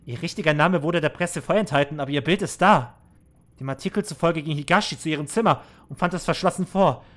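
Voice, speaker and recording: A man's voice: fairly high pitch, fast, a bit bright. Man reading game text somberly. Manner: earnest, somber reading with small restarts. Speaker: let's play gamer. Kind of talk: reading and commenting on a video game.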